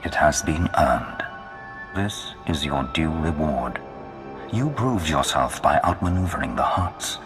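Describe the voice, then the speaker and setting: A menacing Sith dark lord in a video game, with an extremely low voice. He speaks with slow, grandiose command. Long reverb surrounds him and music plays clearly behind. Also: animated. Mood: solemn, commanding. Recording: long hall reverb under loud music.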